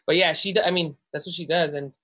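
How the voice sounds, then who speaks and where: A young native Spanish speaker, fast-talking and a little high-voiced, co-hosts a podcast over a headset video call from a room at home. He chats casually and animatedly, acting out family voices.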